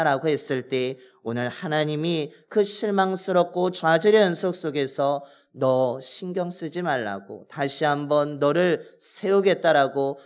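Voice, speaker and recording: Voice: medium pitch, smooth. Pastor preaching with dramatic rhetorical questions. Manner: acts out the quoted pleas and replies with rising force. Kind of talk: Sunday sermon.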